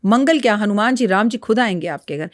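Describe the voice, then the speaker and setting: A woman's voice: medium pitch, lively intonation, fairly quick, dry recording, clean studio sound. A woman astrologer speaking as a podcast guest, frank and lecturing in a blunt, outspoken way. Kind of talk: podcast interview talk.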